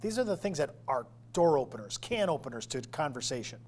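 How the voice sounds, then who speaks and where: A man's voice: fairly high pitch, sing-song, fairly quick, a little mellow. A man hosting a radio talk show, drawing out his co-host with encouraging questions and his own anecdotes.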